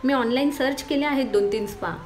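A woman voicing a cheeky, quick-tongued young sister who trades jokes with her brother. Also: high-pitched, a little mellow, faint music behind, lightly acted. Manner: cheeky, sassy.

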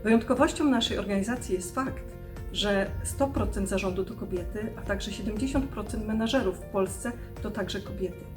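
Woman, company rep, pleased formal statement, music clearly behind. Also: mid-range voice, normal speed. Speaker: company representative. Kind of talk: prepared corporate statement.

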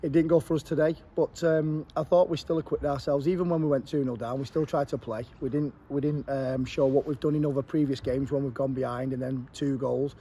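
Earnest English football manager outdoors. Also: male voice, mid-range voice, level tone, fairly quick, few pauses, mellow, breathy edge. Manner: earnest, emphatic, repeats words while thinking. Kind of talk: post-match interview. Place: outdoors at a football ground, pitch behind.

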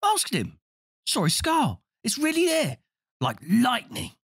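A man reading a storybook aloud, voicing joking teenage twin brothers with in a quieter, raised voice. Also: fairly high pitch, huge pitch swings, slow, husky, dry recording, studio quality, voice pushed up, heavily acted. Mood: teasing. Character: cheeky teenage twin boys, jokers.

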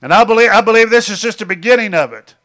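A middle-aged male preacher delivering a sermon in a high-pitched voice with a bright, forceful edge. He peppers his lines with amens and circles back over phrases as he builds his points. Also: expressive, fast. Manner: frequent interjected amens, repeating phrases.

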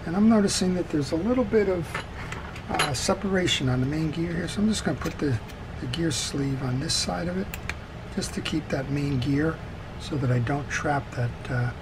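A man with a creaky, higher-pitched voice presents a fishing reel repair tutorial, working indoors at a wooden workbench. The demonstration is hands-on and casual, proceeding step by step, and steady background noise is audible.

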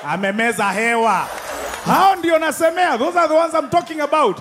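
A man in his thirties with a Kenyan accent doing animated stand-up comedy on a large indoor stage, with a handheld mic, shouting his punchlines. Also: extremely high pitch, normal speed, crowd noise, noisy background. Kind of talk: stand-up comedy in mixed Swahili and English.

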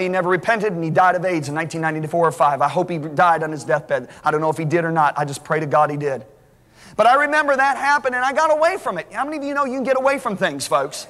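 A man's voice: high-pitched, pushed and bright. A man preaching a sermon, telling stories animatedly and calling on the congregation to respond. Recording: reverberant hall.

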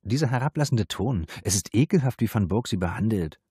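A woman's voice: rumbling low, expressive, a little fast, warm tone, slightly rough, dry recording, studio quality, voice pushed up, full character voice. A man playing a firm policewoman. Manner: firm, decisive. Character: firm female police adjutant.

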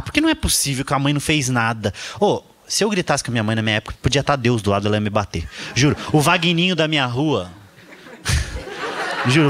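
A man with a Brazilian Portuguese accent doing stand-up comedy on stage, telling stories in an animated, profane way. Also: on the high side. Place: stage before a live audience. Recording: live show, audience laughter and room noise.

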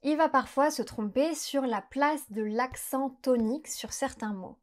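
Young woman from France, French tutor; fairly high voice, clear careful delivery, explains and models sounds slowly. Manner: clear, careful pronunciation with slowed examples. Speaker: French teacher. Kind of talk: explanatory lesson to camera.

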